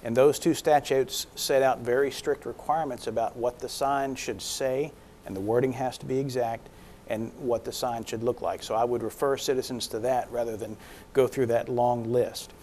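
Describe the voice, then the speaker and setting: A man's voice: mid-range voice, fairly even intonation, normal speed, darkish tone, a little hiss or hum. Methodical man explaining, public service announcement. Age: middle-aged. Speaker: district attorney. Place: small indoor studio. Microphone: lapel mic.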